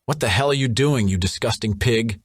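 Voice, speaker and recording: A man's voice: lowish voice, very animated, moderate pace, dry recording, clean studio sound. A man voicing a belligerent, drugged-up young troublemaker who sneers and snaps. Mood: sneering. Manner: sneering, hostile.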